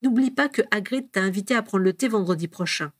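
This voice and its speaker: A calm father, firm with his children and gently reassuring, as a woman reads him aloud. The storybook voice is dry and close. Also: medium pitch, fast, no echo, natural voice.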